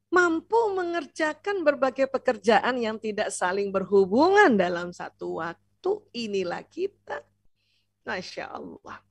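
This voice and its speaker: Playful woman seminar speaker, high voice. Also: no echo. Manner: lively, playful, teasing the audience; asks the audience questions and answers them. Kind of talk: seminar lecture on family life.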